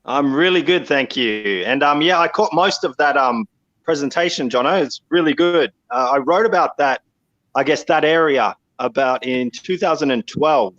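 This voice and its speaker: A man's voice: on the high side, moderate pace, fairly bright tone, no room sound, dull audio. A man from Tasmania, joining a casual online discussion by audio only and making frank, explanatory arguments. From Tasmania, Australia. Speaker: guest speaker. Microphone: audio-only video call.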